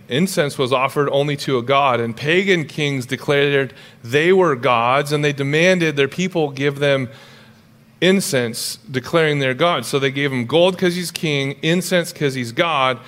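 A middle-aged male pastor preaching a sermon in a lively, conversational way with humorous asides. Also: on the high side.

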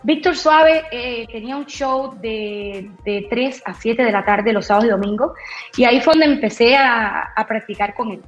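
A woman radio announcer telling her story in an interview, bold and lively, acting out the voices of people she quotes. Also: fairly high pitch, moderate pace. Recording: roomy echo, dull lo-fi sound, faint music.

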